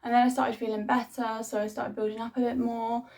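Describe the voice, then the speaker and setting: A woman's voice: a little high, little pitch movement, fairly quick, a little mellow. A young adult woman talking casually to her video diary as a fitness vlogger, rambling informally and saying "like" and "honestly" a lot.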